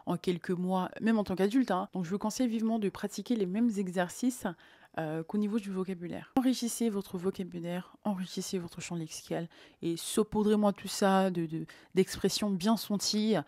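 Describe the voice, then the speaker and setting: A woman's voice: medium pitch, moderate pace, dry recording. A woman giving job interview advice on her channel in an emphatic, playful manner. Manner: emphatic, playful, lively teaching tone. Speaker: vlogger and recruitment coach. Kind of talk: advice vlog.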